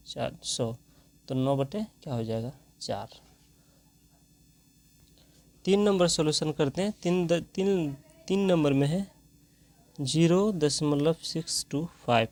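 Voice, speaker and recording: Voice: medium pitch, a little mellow, no room sound. Teacher. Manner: talks through each step, asking rhetorical questions. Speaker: math teacher. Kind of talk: step-by-step math lesson.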